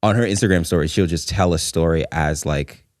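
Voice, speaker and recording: Man, low voice, dry close sound, hesitant, casual podcast co-host. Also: brisk, no room sound. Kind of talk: casual chat.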